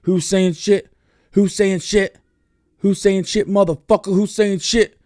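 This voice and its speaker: A man putting on the voice of a furious young man shouting and looking for a fight. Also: high voice, fairly even intonation, unhurried, dry recording, clean studio sound, pitched above the performer's own voice. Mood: menacing. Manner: shouting through gritted teeth, menacing.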